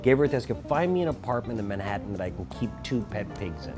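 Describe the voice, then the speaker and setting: A man as interview guest, telling stories in an animated way with frequent restarts. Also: on the low side, quick pace, over music. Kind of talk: casual chat, storytelling.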